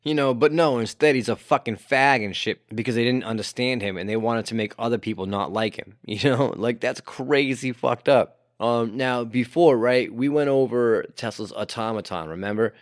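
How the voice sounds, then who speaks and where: A man's voice: medium pitch, normal speed, hardly any pauses, dry recording, clean studio sound. A man hosting a casual history podcast, talking conversationally with lots of swearing and "you know" fillers. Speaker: podcast host.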